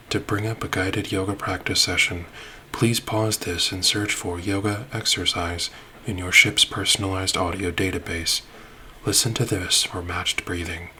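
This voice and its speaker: A man narrating a space-ship ASMR roleplay in a soft, soothing voice that drops into whispers. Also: deep voice, slight background noise.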